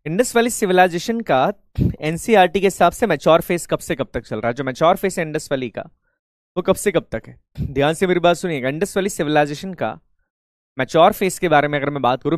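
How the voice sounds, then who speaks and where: Recorded clean in a studio without any room sound, a man with a somewhat high voice conducts a live online class. He sounds mildly unwell, speaks a Hindi-English mix, calls out patriotic greetings, and keeps confirming his audio reaches the students.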